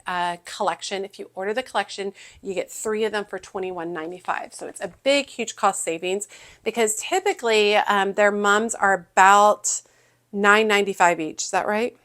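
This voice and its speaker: A woman with a Southern US accent talks through a plant catalog in a relaxed, chatty way. She pauses on ums and restarts her sentences, like a gardening host reading picks aloud at home. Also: mid-range voice. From Texas, US. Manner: chatty, with frequent ums and self-corrections. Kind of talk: casual catalog walkthrough.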